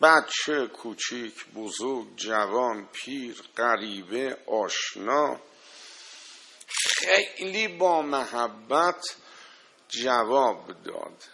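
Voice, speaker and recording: A male preacher delivers a sermon with a forceful, bright voice, retelling a story with drama and acting out the dialogue. He turns to his listeners with emphatic lists of warnings, pressing each point home. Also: medium pitch, expressive, creaky.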